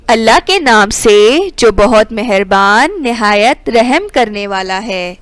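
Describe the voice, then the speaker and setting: A woman teaching Quran recitation rules, explaining quickly and then reciting verses slowly and drawn out. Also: a little high, a bit bright, no room sound. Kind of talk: tajweed lesson with recitation.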